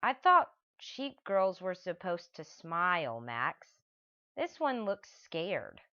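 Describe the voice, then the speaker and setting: A scheming male art thief, read by a woman, speaking low and hushed with a slow drawl. The storybook reading is on a dull, lo-fi recording. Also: sing-song, heavily acted. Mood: suspicious.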